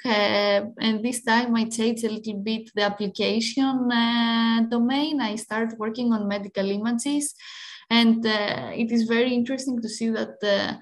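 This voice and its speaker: A woman from Greece with a Greek accent, giving an academic talk over a video call, careful and searching for words. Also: on the high side. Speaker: guest lecturer.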